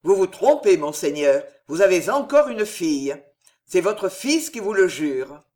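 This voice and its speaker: A reader voicing a calm resolute young nobleman. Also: high voice. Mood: solemn. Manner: firm, solemn, measured. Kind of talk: audiobook character reading.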